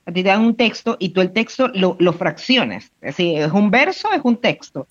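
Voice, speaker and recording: A woman, co-hosting a podcast, expressive and thinking aloud. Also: medium pitch, moderate pace. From Venezuela. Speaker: podcast co-host, trained actress. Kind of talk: casual podcast chat. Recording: dull lo-fi audio.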